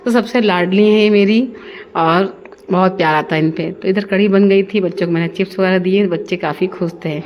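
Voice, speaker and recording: A woman's voice: medium pitch, steady tone, normal speed, muffled recording, a little hiss or hum. A middle-aged woman narrating her family's day in a chatty, homely storytelling way, as a vlogger.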